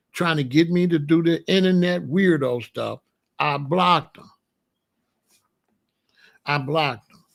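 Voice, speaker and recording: A commentary channel host with a gravelly, somewhat high voice delivers a casual, blunt monologue. He is slangy, confrontational, and plain-spoken, repeating himself and constantly asking "you know what I'm saying?"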